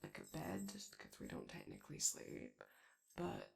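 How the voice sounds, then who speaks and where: An excitable, gentle robot sun character acted out by a woman in an ASMR roleplay. The voice swings widely in pitch and breaks into heavy creak. The delivery is chatty, hesitant and self-conscious, rambling on as it comforts the listener. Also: moderate pace, full character voice. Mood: soft, wistful.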